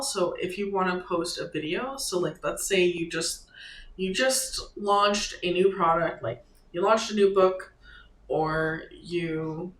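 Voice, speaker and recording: Clicking through each step of a website setup, an online creator coaches viewers in a casual screen-share tutorial, talking loosely and haltingly as thoughts come. Their voice is mid-range with a fairly bright tone. The echoey room has faint ambience, and a little hiss or hum is audible.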